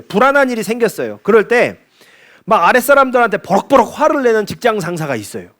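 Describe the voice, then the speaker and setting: A male pastor preaching a sermon at a church service, speaking conversationally and asking his listeners frequent rhetorical questions. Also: high voice.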